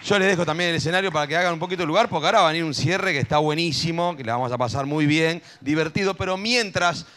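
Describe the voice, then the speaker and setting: A man hosting a school event on stage, chatting and joking with teachers and kids, cheering one moment and dropping into low asides the next. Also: rapid-fire, few pauses, fairly bright tone. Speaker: event host.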